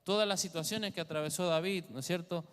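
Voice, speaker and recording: A man's voice: high-pitched, fast talker, a bit bright, clean tone. A man with an Argentine Spanish accent preaching a teaching sermon in church, asking the congregation questions as he goes. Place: church hall. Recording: long hall reverb.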